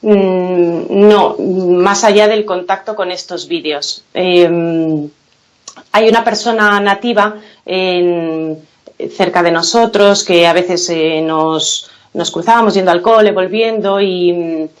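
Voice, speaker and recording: A woman's voice: fairly low pitch, steady tone. Hesitant woman from Spain, thoughtful guest. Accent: Spanish from Spain. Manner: thoughtful, hesitant, many pauses and fillers. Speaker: guest, English academy founder. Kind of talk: casual interview chat.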